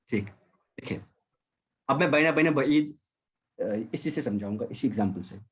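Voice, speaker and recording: A man's voice: mid-range voice, lively intonation, husky. A man teaching an online language class over a video call, patiently repeating and drilling examples. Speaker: Arabic teacher.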